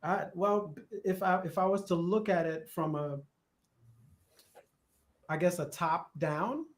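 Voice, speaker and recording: A man with a Jamaican accent hosting a live church discussion, chatty and animated, laughing at times as he explains. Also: sits high, slow. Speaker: host. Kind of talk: casual discussion on church worship. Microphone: live stream.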